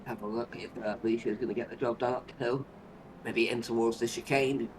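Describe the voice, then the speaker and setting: A man's voice: mid-range voice, fairly even intonation, a little fast, noisy background. A man commentating live on a motor race, play-by-play, narrating each move and posing running questions.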